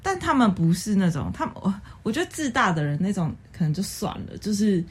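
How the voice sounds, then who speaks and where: A young woman speaks in a husky, slightly breathy voice. She talks quietly and evenly in a casual chat and airs her mild gripes without fuss. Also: medium pitch. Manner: calm, quiet and measured, with mild complaints.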